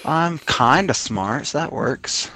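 A man's voice: medium pitch, expressive, takes it slowly, pushed and bright. A man playing a tabletop role-playing game, asking the game master about his rolls in an offhand way. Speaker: player.

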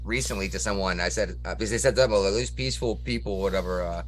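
A man's voice: lowish voice, fast. A man in a casual podcast chat, talkative and rambling, pushing provocative points.

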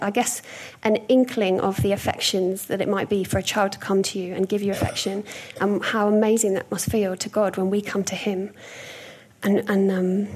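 Young adult woman giving a sermon, slightly husky, easygoing and chatty. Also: medium pitch. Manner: conversational, warm storytelling with hesitations. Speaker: preacher.

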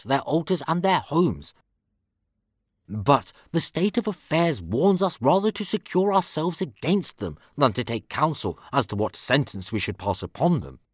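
A man's voice: medium pitch, no echo, clean studio sound, pitched above the performer's own voice. A man declaiming as a stern Roman senator. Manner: grave, rhetorical, sweeping emphasis. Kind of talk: declaimed historical speech reading.

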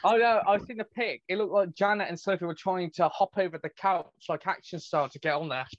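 A man's voice: sits high, fairly quick, no room sound, highs cut off. A man in his twenties hosting a podcast, chatting eagerly like a fan. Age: 20s. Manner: eager, gushing fan talk. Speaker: podcast host. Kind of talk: casual podcast chat.

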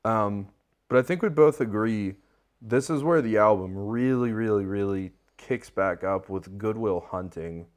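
A man's voice: lowish voice, measured pace. A man co-hosting a podcast, chatting casually and enthusiastically about an album, often laughing. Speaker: podcast co-host. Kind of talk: casual music review chat.

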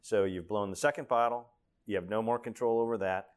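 A male interviewer with a fairly low voice. He sums up what he has heard and checks the details with his guest. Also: steady tone, fairly quick, clean tone. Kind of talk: interview questions.

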